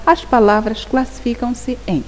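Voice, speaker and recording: A woman teaching a primary school grammar lesson. She speaks slowly and deliberately, repeats key words and keeps checking that the pupils understand. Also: on the high side. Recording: long reverb with faint hiss.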